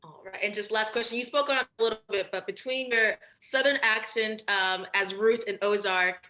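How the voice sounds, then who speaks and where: A woman's voice: mid-range voice, normal speed, bright, forceful tone. A woman interviewing actors at a press junket, asking questions in an upbeat, complimentary way. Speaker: entertainment interviewer.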